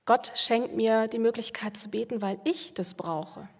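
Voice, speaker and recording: A woman speaking as a pastor in a calm, reflective way, repeating phrases for emphasis. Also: a little high, unhurried. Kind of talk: spiritual reflection on prayer. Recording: long hall reverb.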